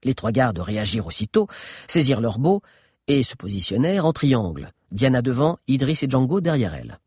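A man narrating an adventure audiobook in an expressive storytelling manner. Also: mid-range voice, fairly quick, husky, no room sound, clean studio sound.

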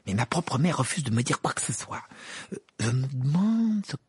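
A man voicing a sulky teenage boy wizard who grumbles in a low voice. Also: big pitch swings, moderate pace, husky, dry recording. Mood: grumbling.

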